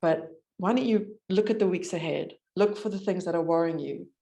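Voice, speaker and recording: A woman coaching a client, encouraging and direct, with a measured delivery and a slight shake in her voice from the cold. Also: lowish voice, mellow. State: voice shaking from cold. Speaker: recovery coach. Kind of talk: coaching call.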